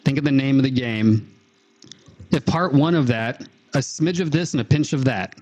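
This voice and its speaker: A man's voice: mid-range voice, moderate pace, a little mellow. A man hosting a board game podcast, reading intros and riddles in a playful, theatrical way. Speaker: podcast host.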